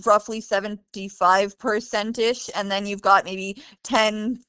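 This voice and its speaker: A woman's voice: medium pitch, fairly even intonation, a little slow, a bit bright, clear, resonant tone, no room sound. A woman from Bosnia, a guide dog handler, speaking as a podcast guest in a detailed, informative way with many fillers. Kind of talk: conversational interview.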